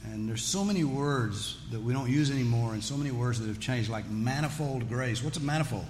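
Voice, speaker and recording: A male Bible teacher with a mid-range, darkish voice speaks a little fast, teaching scripture in a folksy, conversational way with joking asides and taking audience questions. He's in a large echoey room with an audience, and the recording has hall echo and background noise.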